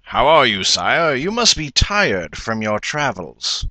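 A man voicing a grand, sinister old king in a booming villain monologue for a video game. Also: sing-song, takes it slowly, sharp tone, dry recording, full character voice. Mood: grand, ominous.

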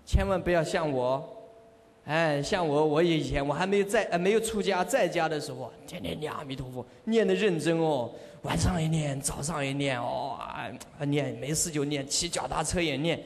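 A man giving a Buddhist sermon as a monk, telling lively stories with rhetorical questions and self-confession. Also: on the high side, moderate pace. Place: monastery hall. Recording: long hall reverb.

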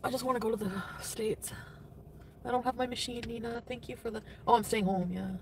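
A woman talking to her livestream viewers while driving, upset and tearful after a morning of crying. Her voice sits a bit high, and she thanks people by name between halting thoughts. The phone recording carries a steady hum of car noise. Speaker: livestream vlogger. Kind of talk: casual livestream chat.

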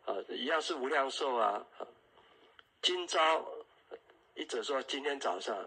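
A man giving an evening Buddhist Dharma class, explaining terms patiently and often asking the listeners "right?" and adding soft "ah" particles. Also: mid-range voice, animated, unhurried, husky, low-quality recording.

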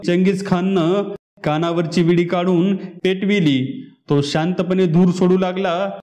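A man reading a short story aloud in a steady, expressive voice. His voice sits high for a man. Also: takes it slowly.

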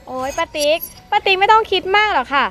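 A woman's voice: extremely high pitch, lively intonation, fast talker, fairly bright tone, faint music behind. A woman playing a wheedling young schemer coaxing an aunt in a short film. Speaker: persuasive schemer.

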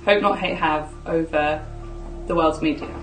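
A woman's voice: low voice, steady tone, measured pace, over music, rough recording. A woman, giving a candid, casual account. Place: domestic kitchen, indoors.

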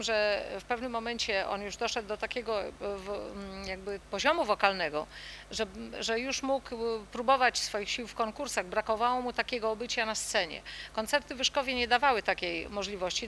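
A middle-aged woman who leads a children's song group answers interview questions in a thoughtful way, pausing often with fillers and restarts. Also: fairly high pitch, pushed and bright, a little hiss or hum.

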